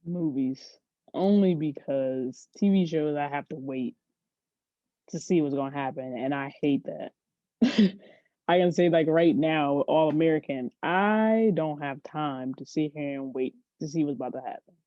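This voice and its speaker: A woman's voice: deep voice, unhurried, no room sound, lo-fi sound. A woman guest on a podcast, chatting casually and telling stories with frequent laughs. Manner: chatty storyteller, laughs often. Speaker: podcast guest, sports agency CEO. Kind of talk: casual interview chat.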